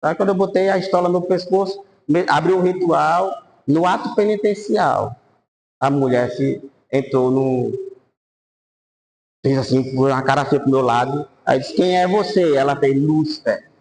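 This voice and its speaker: Man, priest, lively storytelling, highish voice. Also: unhurried, long pauses, a little hiss or hum, rough recording. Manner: animated anecdotes, voice rising and falling. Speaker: priest teaching a Bible course.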